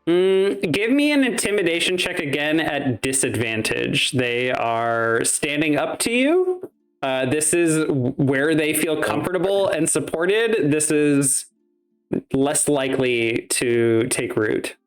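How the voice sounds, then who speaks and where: A man's voice: on the high side, expressive, slow, soft background music, poor audio. A man running an online tabletop game as game master, his voice cutting out in brief dropouts from a harsh limiter, talking hesitantly with frequent ums. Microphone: remote call mic with harsh limiter.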